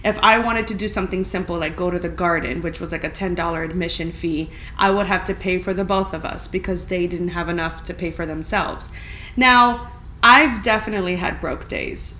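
A woman's voice: lowish voice, brisk, bright, forceful tone. Woman podcaster in a big, echoey room. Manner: candid, informal, emphatic storytelling. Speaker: podcast host. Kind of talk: casual chatty solo podcast. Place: friend's spacious apartment, indoors. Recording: big echoey room, clear background noise.

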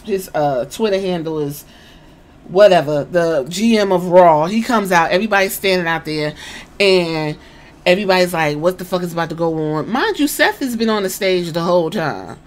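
Excitable woman swearing through a recap. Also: fairly low pitch, moderate pace. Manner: excited, swears a lot, acts out quotes. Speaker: wrestling fan recapping a press conference. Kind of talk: casual profane storytelling recap.

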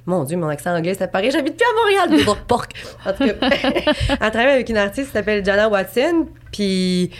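A woman's voice: medium pitch, expressive, quick pace. Chatty young Québécoise woman. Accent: Quebec French. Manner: chatty, rambling, many fillers and restarts. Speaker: guest artist. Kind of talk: casual interview chat.

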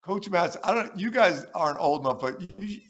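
A man's voice: sits high, moderate pace, muffled recording. A man in his sixties, a retired basketball coach and podcast guest, telling stories in a casual conversation and acting out quotes. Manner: animated storyteller, acts out quotes.

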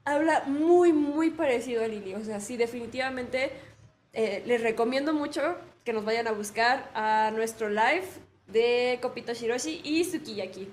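Podcast co-host, woman, high bright-ish voice, chatty, laughs a lot. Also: a little slow, a little hiss or hum. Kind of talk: casual interview chat.

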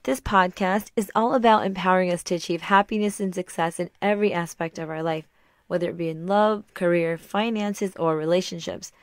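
Calm woman podcaster with a sore throat. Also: on the low side, fairly quick, dry recording. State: sore throat, slightly raspy. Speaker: podcast host. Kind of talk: scripted podcast talk.

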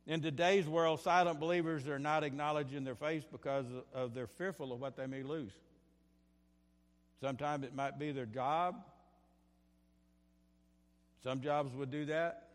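A man preaching a sermon as pastor, impassioned, swinging between bursts of fervor and quieter asides, often repeating his phrases. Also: a little high, steady tone, measured pace, long pauses, in a large hall. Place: church sanctuary.

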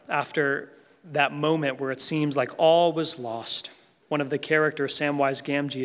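Earnest preacher in a reverberant hall. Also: male voice, medium pitch, a bit bright. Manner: earnest, emphatic, slows on key phrases. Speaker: pastor. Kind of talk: sermon. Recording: long reverb of a large hall.

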